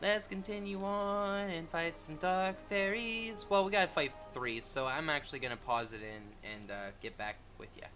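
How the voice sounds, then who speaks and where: A man's voice: on the high side, moderate pace, hardly any pauses, bright, forceful tone, faint music behind. A man hosting a game walkthrough with casual commentary, thinking aloud informally.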